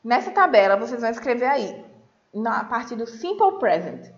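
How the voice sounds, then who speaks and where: A fairly high-voiced woman with a Brazilian Portuguese accent teaches young pupils in a recorded lesson, spelling words out and checking that they follow. She sounds muffled and slightly dull, in a room with noticeable echo. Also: very animated. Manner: patient, explains slowly, checks in with "tá?" and "certo?". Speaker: English teacher. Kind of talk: recorded remote class for children.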